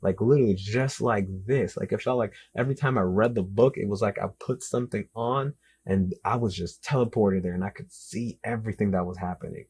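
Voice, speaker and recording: Young man, husky, lowish voice, casual author Q&A, excited, repetitive. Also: brisk, few pauses. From Dominican Republic and the US Northeast and South. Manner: enthusiastic, repetitive, lots of "literally" and "like". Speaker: author answering interview questions. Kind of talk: casual self-interview Q&A.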